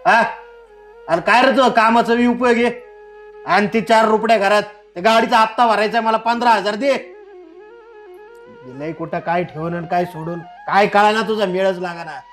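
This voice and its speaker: An actor playing a proud, domineering father who scolds and shouts with contempt. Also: sits high, moderate pace, faint music behind. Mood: angry. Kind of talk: short drama acting.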